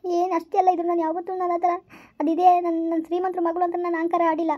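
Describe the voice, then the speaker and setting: A woman's voice: very high-pitched, level tone, quick pace, warm tone, highs cut off. A young woman in a scripted family drama, pleading and hurt, repeatedly begging her husband to understand her. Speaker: wife in a family skit.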